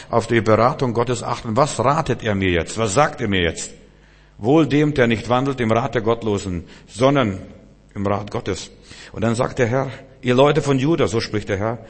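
A male preacher giving a sermon, switching between quiet passages and loud, shouted emphasis. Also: mid-range voice. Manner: shifts from soft to shouting for emphasis. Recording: long reverb of a hall.

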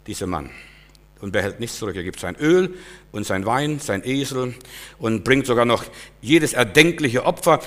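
A preacher delivers an impassioned sermon, his voice bright and forceful. He rises into loud, emphatic bursts and then drops to near-hushed lines, pressing his points on the listener directly. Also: medium pitch.

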